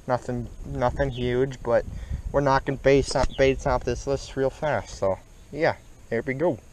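A man's voice: mid-range voice, steady tone, unhurried, a little mellow. A young man with a Midwestern American accent giving upbeat casual commentary while fishing from a kayak on a lake, recorded on a head-mounted action camera. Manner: upbeat, chatty, talks while working the rod. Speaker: fishing vlogger. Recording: noisy outdoor camera audio.

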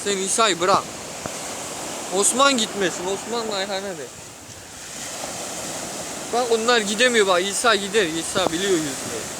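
High-voiced man bantering over crashing surf. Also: measured pace, long pauses. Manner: slangy, teasing, egging others on. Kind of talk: casual shouted chat with friends while filming at the seaside. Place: outdoors on a beach by waves. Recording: outdoor phone video, loud surf and wind.

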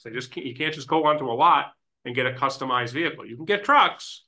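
A man's voice: mid-range voice, bright, forceful tone. A man giving informal, explanatory background at a town council meeting. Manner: explanatory, informal, restarts often. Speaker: waste industry advisor. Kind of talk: public meeting discussion. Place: council chamber.

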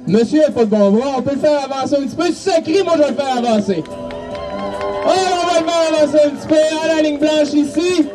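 A man's voice: very high voice, expressive, fast, few pauses, far from the mic, over music. A man announcing over the stadium PA at a football game, calling contestants and hyping the crowd.

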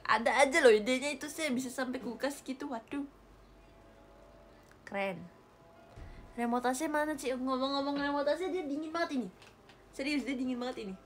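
A woman's voice: high-pitched, brisk, pauses often, slight background noise. A young Indonesian woman chatting playfully on a livestream, giggling often as she reads comments. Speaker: idol live streamer. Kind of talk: casual chat reading viewer comments. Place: indoor room, air-conditioned. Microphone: phone or webcam livestream.

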